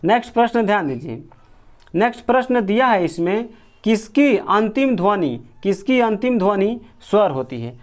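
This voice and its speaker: A man teaching a grammar lesson, going through exam questions one by one, repeating each answer back as a question. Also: sits high. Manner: repetitive, drills answers with rhetorical questions; colloquial with regional words like gō.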